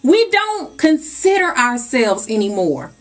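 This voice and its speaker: A woman's voice: high-pitched, very animated, takes it slowly. A young adult woman vlogging a motivational talk to her viewers, emphatic and preachy, calling them "y'all" and "guys".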